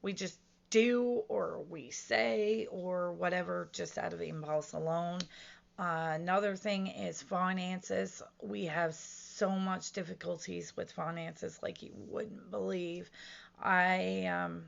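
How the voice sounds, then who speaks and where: A woman's voice: fairly low pitch, steady tone, slow pace, gravelly, lo-fi sound. A woman in her thirties talking earnestly and casually about her own experience, with many fillers and restarts. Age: 30s. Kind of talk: casual personal talk to camera.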